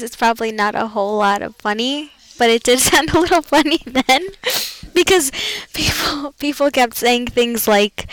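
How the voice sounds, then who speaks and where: A woman's voice: on the high side, a bit bright, no echo, low-quality recording. A teenage girl co-hosting a podcast, telling a school story casually with fillers and small laughs. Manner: rambling, with fillers and little laughs. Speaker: co-host.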